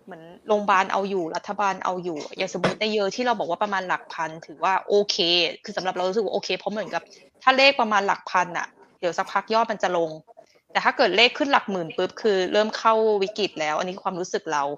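A woman's voice: medium pitch, quick pace, fairly bright tone, slight background noise. A woman hosting a casual podcast chat, thinking aloud in long, rambling turns. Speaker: podcast host. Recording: slightly dull lo-fi sound.

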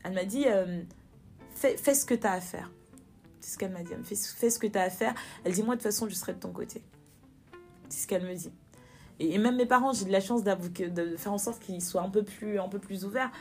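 A young woman speaks candidly in an interview, her voice sitting at an ordinary middle pitch. She talks earnestly, stacking repeated phrases for emphasis and lifting into animated bursts as she relives what happened. Soft music plays faintly underneath. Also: quick pace.

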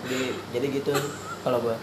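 A man's voice: medium pitch, little pitch movement, fast talker. A man from Indramayu talking as a guest in a casual podcast chat, with a dry, understated delivery. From Indramayu, West Java. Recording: echoey room with background noise.

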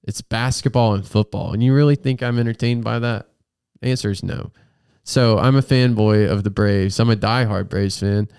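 A congested American man with a froggy, fairly low voice hosts a casual podcast. He talks emphatically and jokes at his own expense. The sound is dry and close, and his tone stays smooth under the stuffiness. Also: fairly even intonation, normal speed, hardly any pauses, a little mellow, dry recording. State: congested with a sinus infection. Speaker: podcast host. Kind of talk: casual, joking chat.

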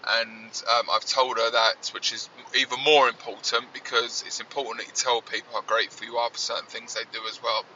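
A man's voice: mid-range voice, level tone, fairly quick, few pauses, bright, forceful tone, far from the mic, highs cut off. Man, podcast host, fuzzy distorted voice, recorded while driving, faint engine hum. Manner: reflective, earnest, rambling restarts. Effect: fuzzy distorted sound. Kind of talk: casual spoken monologue. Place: inside a moving car. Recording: distorted, noisy in-car recording. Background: faint road and engine noise.

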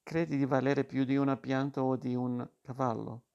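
A teasing bearded painter in a storybook, read by a man. The voice is gravelly and low-key, with almost no rise and fall, spoken quietly and slowly. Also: flat delivery, dull audio, natural voice. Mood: dry teasing.

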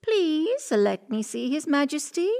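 A woman voicing a clever, scheming female cat who speaks in a high, flattering, pleading way in a storybook reading. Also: takes it slowly, gravelly, full character voice. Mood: courteous.

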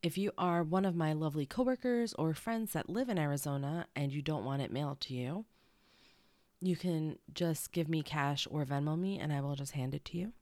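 A woman's voice: low voice, normal speed, darkish tone, dry recording. A young woman hosting a casual podcast, chatty and rambling with side stories, her nose stuffy. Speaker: podcast host. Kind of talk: casual solo podcast chat.

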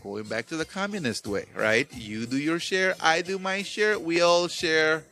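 A man's voice: a little high, a little slow, pushed and bright, soft background music. A man of Mexican background hosting a podcast, chatting casually, laughing and joking and often repeating himself. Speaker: podcast host. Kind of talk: casual chat.

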